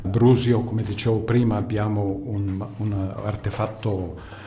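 A man's voice: lowish voice, level tone, a little slow, dark tone, faint music behind. A man speaking as a mayor and radio guest, casual, good-humoured and hesitant. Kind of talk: casual live radio interview.

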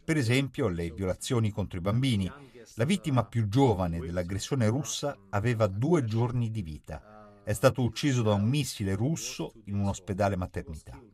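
A man reading an Italian voice-over for an interviewee, measured and earnest. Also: on the low side, animated, a little mellow.

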